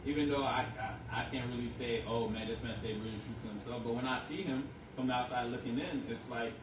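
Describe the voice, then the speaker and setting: A man's voice: mid-range voice, fairly even intonation, fast talker. A young man from Haiti, a shop owner being interviewed, talking in an earnest, rambling way full of fillers. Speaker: guest, clothing shop owner. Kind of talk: casual interview chat. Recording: echoey room, distant mic, noisy.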